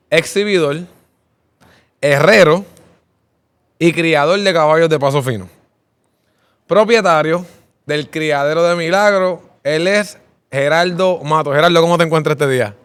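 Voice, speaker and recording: A man's voice: fairly high pitch, measured pace, long pauses, a bit bright, smooth. Upbeat male interviewer. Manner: upbeat, repeats "¿verdad?" as a filler. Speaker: interviewer host. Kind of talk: casual interview.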